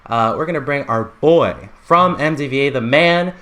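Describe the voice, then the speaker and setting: A man's voice: a little high, moderate pace, fairly bright tone. A man hosting an esports results show in a casual, enthusiastic, informal way. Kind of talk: casual esports recap and co-host chat.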